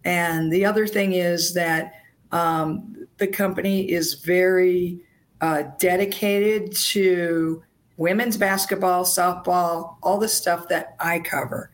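Hoarse from laryngitis, a female sports reporter speaks haltingly on a podcast in a casual, sincere way. Her voice is lowish with fairly even intonation.

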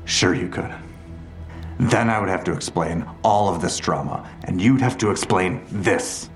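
In an audio drama, a male actor with a deep voice plays a ruthless, controlled police detective, delivering his lines in a measured, coldly threatening way that feels menacing. The room is echoey, with faint music in the background.

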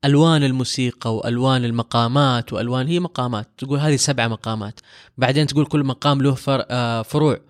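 A man's voice: mid-range voice, racing. A man with a Saudi accent, an oud player, talking reflectively in a casual discussion. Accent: Saudi Arabic.

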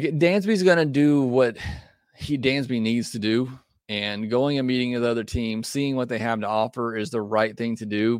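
A man's voice: mid-range voice, clear, resonant tone, no echo, studio quality. A man hosting a baseball podcast, giving casual, opinionated takes with frequent fillers. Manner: conversational, opinionated, many fillers. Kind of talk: casual sports talk.

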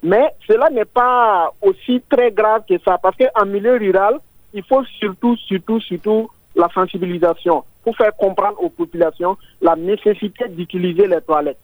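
A man's voice: sits high, animated, moderate pace, no echo. A man calling in to a radio show over a phone line, giving an earnest opinion and repeating words while he looks for the right one. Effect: voice heard over a phone line on air. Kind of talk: call-in comment on a public issue. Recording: tinny dry phone line.

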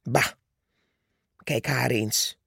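Storybook: woman voicing a proud male tree, condescending and slow. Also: extremely low pitch, fairly even intonation, creaky, sharp tone, breathy edge, no room sound, clean studio sound, pitched below the performer's own voice, full character voice. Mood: boastful. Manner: condescending, scornful. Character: boastful haughty male purpleheart tree.

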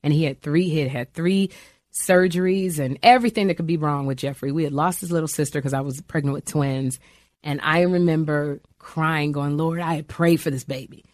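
Animated woman telling a heartfelt story. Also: low voice, moderate pace, no room sound, studio quality. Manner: emotional, animated storytelling with quoted voices. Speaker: guest. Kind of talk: candid faith conversation.

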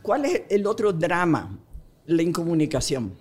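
A woman guest on a podcast, explaining relationship problems in a lively way and acting out bits of dialogue. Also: lowish voice, unhurried, husky, faint music behind. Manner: animated, acts out quoted dialogue.

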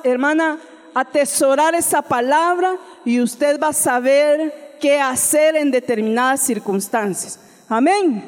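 A woman's voice: high voice, long reverb tail. A woman preaching a sermon with a Central American Spanish accent, calling listeners sister and adding frequent amens. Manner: addresses listeners as sister, adds frequent amen. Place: church.

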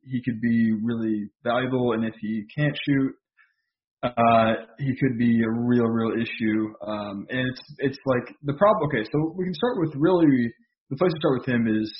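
A man co-hosting a podcast, talking basketball casually with lots of pauses and restarts. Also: mid-range voice, highs cut off. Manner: hesitant, many fillers and restarts. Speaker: podcast co-host.

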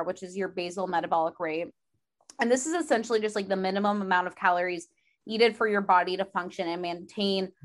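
A young woman co-hosting a podcast, her voice a little hoarse and lower than usual from a sore throat. She explains in a loose, chatty way, leaning on "like" as filler. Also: fairly bright tone. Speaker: podcast co-host. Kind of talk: casual chat.

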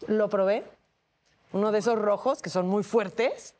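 A woman in her thirties with a Mexican accent, co-hosting a casual chat and telling lively stories. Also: mid-range voice, measured pace. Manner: animated storytelling, acts out quotes. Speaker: co-host.

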